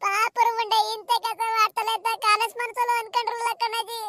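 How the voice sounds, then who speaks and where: A woman's voice: very high-pitched, flat delivery, brisk, a crowd in the background. A woman voicing a distraught village mother in a cartoon, melodramatic, wailing and cursing.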